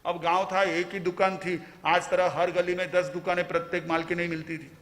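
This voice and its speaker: A man, a Jain monk, preaching a sermon as a slow story with frequent filler pauses. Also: high voice, flat delivery, a bit bright. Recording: reverberant hall.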